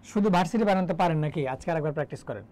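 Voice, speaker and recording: A man's voice: a little high, racing, a little mellow, low-quality recording. A young man from Bangladesh teaching English grammar in a live online class, chatty and joking as he quizzes students. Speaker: English tutor.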